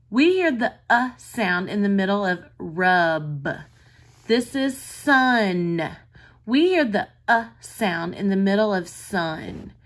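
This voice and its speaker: Slow-paced woman teaching reading to small children. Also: mid-range voice. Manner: careful enunciation, sounding out words. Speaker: kindergarten teacher. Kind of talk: recorded reading lesson for young children.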